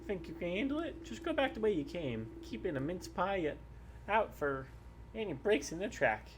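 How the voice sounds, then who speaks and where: Someone putting on a folksy old prospector, animated. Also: mid-range voice, moderate pace, a little hiss or hum, pitched above the performer's own voice, natural voice. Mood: chatty, obliging. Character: chatty old prospector miner, folksy and helpful. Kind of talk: reading game dialogue in character.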